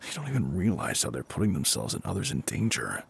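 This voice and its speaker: This is a voice actor's exaggerated take on a gruff, calm fire captain, his very deep, gravelly, husky voice swooping wildly in pitch. The mood is dry and reassuring, his manner measured and matter-of-fact, in an intimate scripted roleplay spoken to the listener.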